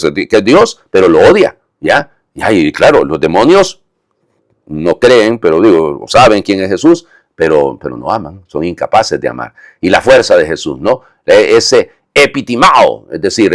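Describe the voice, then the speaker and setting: A man's voice: sits low, no echo, studio quality. A male priest giving a homily, explaining the text with frequent tag questions and emphatic delivery.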